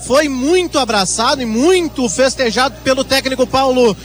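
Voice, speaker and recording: A man with a Brazilian accent giving excited match commentary as a football reporter, recapping the play. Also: very high-pitched, normal speed.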